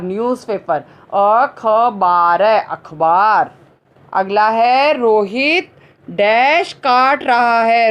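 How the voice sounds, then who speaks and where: A woman teacher giving a grammar lesson to young children, slowly repeating each word and answering her own questions. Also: a little high. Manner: drawn-out words, slow and patient. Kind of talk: slow, clearly spoken grammar lesson for children.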